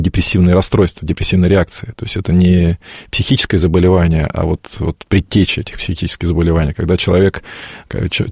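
A man in his late forties answers an interview question slowly and reflectively, often pausing to find the right word. His voice sits low and has a gravelly edge with some huskiness in it. The sound is dry and close. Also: darkish tone, no room sound. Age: 40s. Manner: thoughtful, searching for words, breaks off and restarts. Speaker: guest.

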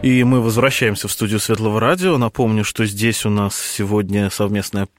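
A man hosting a studio radio talk show, calmly introducing guests with small hesitations. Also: fairly low pitch, fairly quick, dry recording, soft background music. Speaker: radio host. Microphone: studio microphone.

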